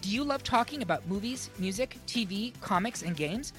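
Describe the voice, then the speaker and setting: A woman reading a podcast advertisement in a bright, salesy manner. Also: mid-range voice, animated, moderate pace, soft background music. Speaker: ad announcer. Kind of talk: promo read.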